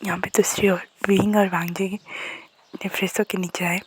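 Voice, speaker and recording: Soft-spoken woman telling a story. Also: medium pitch, level tone, moderate pace, slightly rough, poor audio. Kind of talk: casual fan-fiction narration.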